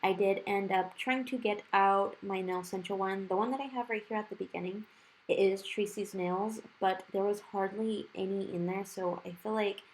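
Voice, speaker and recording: A woman's voice: medium pitch, fairly even intonation, normal speed, rough recording. Chatty woman with a slushy lisp. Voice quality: lisp with slushy s sounds from new dental work. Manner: chatty, rambling, informal. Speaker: nail art video creator. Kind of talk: casual chatty tutorial voice-over. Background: music.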